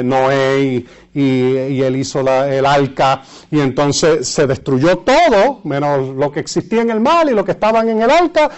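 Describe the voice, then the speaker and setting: Man, Puerto Rican Spanish accent, sermon delivery, somewhat high pitch, halting, emphatic repetition. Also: muffled recording. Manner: halting, repeats phrases for emphasis, searches for words. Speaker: preacher. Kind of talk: sermon with Bible readings and asides to listeners.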